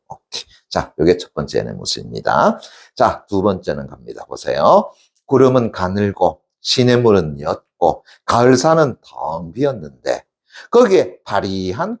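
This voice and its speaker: Lively male literature teacher. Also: low voice, creaky, slightly rough. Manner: constantly checks understanding with quick tag questions, then answers them himself. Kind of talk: exam-prep lecture.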